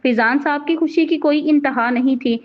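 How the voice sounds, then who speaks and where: A woman with a high voice narrates a novel in a steady, even way, as in scripted audio storytelling. The recording sounds dull and lo-fi. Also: moderate pace.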